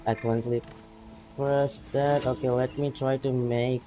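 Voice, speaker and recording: Over music, a man streams a video game and chats casually with his viewers, laid-back and laughing often, greeting people in chat by name. His voice is mid-range with little pitch movement, and he talks at a moderate pace.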